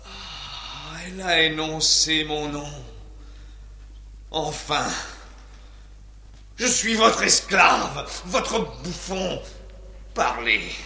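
An actor playing a lustful, cruel, jealous court jester in a declamatory, gloating 1950s French radio theatre style. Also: male voice, on the high side, lively intonation, drawn-out words, long pauses, noisy background, exaggerated voice. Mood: bitter submission. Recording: roomy, echoing 1950s radio recording.

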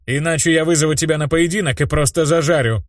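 A man voicing arrogant, greedy male mages who taunt students with a slow, mocking drawl. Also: fairly high pitch, fairly even intonation, no room sound, clean studio sound, pitched above the performer's own voice, close to an everyday voice. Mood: threatening. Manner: slow, drawn-out, mocking delivery.

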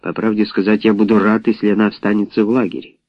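A man's voice: fairly low pitch, level tone, fast, no room sound, natural voice. A man reading a cold, dry-humored man. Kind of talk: audiobook character voice. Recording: dull lo-fi audiobook recording.

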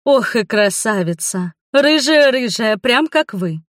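A warm-hearted, gossiping townswoman who gushes and exclaims over every scrap of news, as a woman reads her. Her voice sits a touch higher and livelier than the narration. The recording is dry and close. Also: lively intonation, slow pace, no room sound. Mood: gossipy. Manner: gushing, exclaiming, dramatic. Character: chatty kindly older townswoman gossiping.

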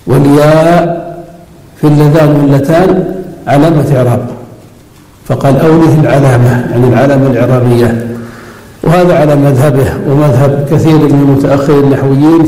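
A man's voice: a little high, fairly even intonation, quick pace, mellow. A male scholar teaching classical grammar, explaining verse by verse and asking the class questions. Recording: echoey hall with long reverb.

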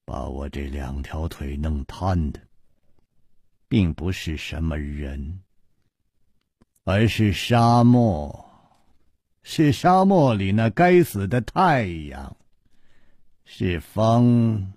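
A man's voice: very animated, very slow, long pauses, a little mellow, breathy edge, dry recording, clean studio sound, heavily acted. A man voicing a proud but crippled wealthy man who speaks with weary, bitter restraint. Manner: low, subdued, bitter wry tone.

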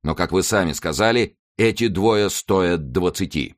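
A man voicing a calm, noble older swordsman who speaks quietly and solemnly. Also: deep voice, measured pace.

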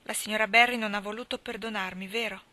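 A woman's voice: mid-range voice, fairly even intonation, fast talker, bright, forceful tone, lightly acted. A woman voicing a dramatic, emotional orphan girl in a storybook reading, with a theatrical, impassioned manner. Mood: dejected.

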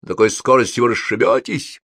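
A man voicing a vain, cowardly young wizard who shouts orders, in a storybook reading. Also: medium pitch, a little fast, vocal fry, no echo, clean studio sound. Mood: shouting. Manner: shouting, commanding.

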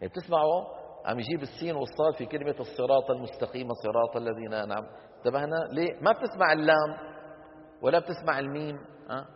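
A man's voice: mid-range voice, racing. A man teaching Quran recitation to a class, explaining patiently, quizzing students with rhetorical questions and demonstrating sounds. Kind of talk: classroom lecture on tajweed. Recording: lo-fi hall recording with long reverb.

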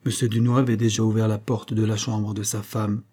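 Here a fairly low-pitched man narrates a novel for an audiobook. The scripted reading unfolds in an even, measured storyteller's manner.

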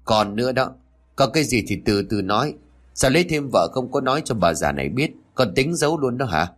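Man doing an old mother-in-law, calm, firm, motherly. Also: medium pitch, a little fast. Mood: soothing.

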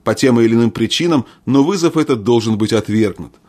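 A wary court lord, voiced by a man reading a storybook, pitched a little above the narrator. he speaks formally and deferentially to his king. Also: expressive, fairly quick, a little mellow, lightly acted. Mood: cautious. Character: wary courtly male lord, cautious adviser.

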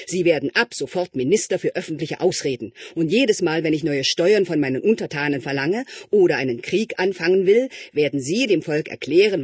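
A man voicing a blunt, commanding old king who speaks loud and curt. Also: fairly high pitch, husky, dry recording.

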